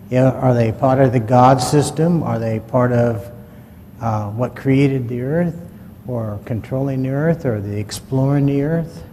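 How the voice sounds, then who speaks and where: Man, folksy storyteller, mellow tone, reverberant hall, faint noise. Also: mid-range voice. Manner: folksy, plain-spoken, quotes his dad in dialogue. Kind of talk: recounted personal story.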